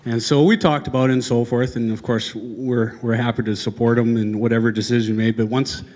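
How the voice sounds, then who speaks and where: Male event presenter, folksy and halting, speaking informally in front of an audience in a reverberant hall. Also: medium pitch, little pitch movement, darkish tone. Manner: casual, folksy, halting with frequent ums and pauses. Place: large banquet hall. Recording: echoey hall over PA, long reverb.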